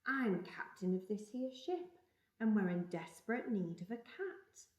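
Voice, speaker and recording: A woman's voice: medium pitch, expressive, unhurried, darkish tone, dull audio, lightly acted. Woman doing a hearty pirate captain. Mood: cheerful. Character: jolly male pirate captain, cheerful and bold. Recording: roomy echo.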